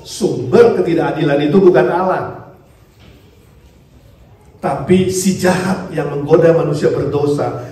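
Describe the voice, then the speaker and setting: A male pastor preaching a sermon in a lively way, asking the congregation questions and mixing in English phrases. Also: a little high. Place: church hall. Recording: distant mic in a very echoey church hall, faint noise.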